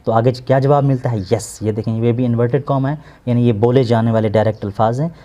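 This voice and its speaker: Male tutor, mellow tone, methodical word-by-word teaching. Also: mid-range voice, steady tone. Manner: patient, repeats and glosses each word slowly. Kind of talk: explaining an English textbook lesson.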